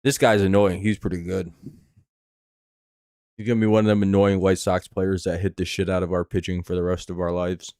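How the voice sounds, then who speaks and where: Studio-quality audio with no echo captures a deep, level, smooth and slightly mellow male voice at a somewhat fast pace. The American speaker, who has a slight lisp and false teeth that make his s whistle, offers rambling, profane, laid-back play-by-play and chat on a live sports stream.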